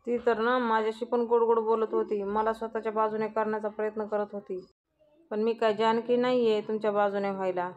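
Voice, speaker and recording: A woman's voice: fairly high pitch, little pitch movement, fairly quick, darkish tone, lo-fi sound, lightly acted. A woman voicing a scheming young daughter-in-law who coaxes and plots in a story recap. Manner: plotting, coaxing.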